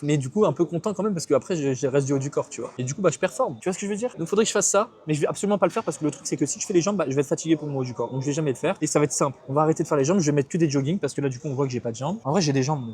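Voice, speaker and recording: Young guy vlogging from the gym, quick self-mocking chatter, mellow voice, bit of hiss behind. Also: a little high. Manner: joking, self-mocking, talks straight to viewer. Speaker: fitness coach vlogger. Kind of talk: casual gym vlog talk.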